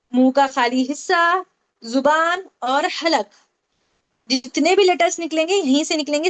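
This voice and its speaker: A woman teaching a Tajweed class online, explaining step by step, asking the class questions and repeating key points. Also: high voice. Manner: explains with questions and repetition, mixes English terms. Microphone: online meeting call.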